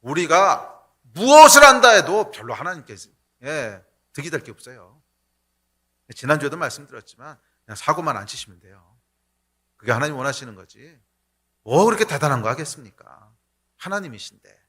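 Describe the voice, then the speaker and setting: A man's voice: on the high side, big pitch swings, normal speed, sharp tone. A man preaching a sermon as pastor, speaking straight to his congregation with rhetorical questions and acting out heartfelt prayers and complaints. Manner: impassioned, acts out prayers and quoted complaints.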